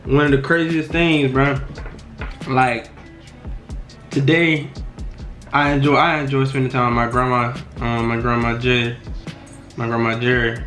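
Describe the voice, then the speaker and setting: A man's voice: medium pitch, level tone, a little slow, pauses often, a bit bright, reverberant. A twenty-year-old man vlogging at his desk in a small wood-paneled room. He talks in a laid-back, slangy way, trails off often, and keeps saying "you know what I'm saying.". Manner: subdued and reflective, trailing off. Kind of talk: casual to-camera vlog. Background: background music.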